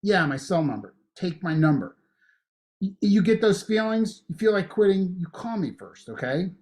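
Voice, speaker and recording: A man voicing a firm, matter-of-fact woman in grad school who reassures a nervous newcomer. Her lines sit a little higher than his usual voice and come out plain and encouraging, with no showy acting. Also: big pitch swings, normal speed, darkish tone. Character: supportive older female grad student, blunt.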